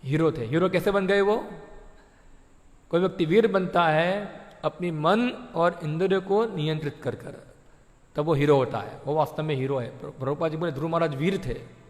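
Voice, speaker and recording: A man delivers a devotional sermon in a fairly high voice, asking his listeners questions and answering them himself. He slips into short acted dialogues to make his points. His voice rings with long reverb from a large hall. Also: normal speed. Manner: acts out the mind's voice in little dialogues. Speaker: preacher. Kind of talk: Hindi devotional sermon on scripture.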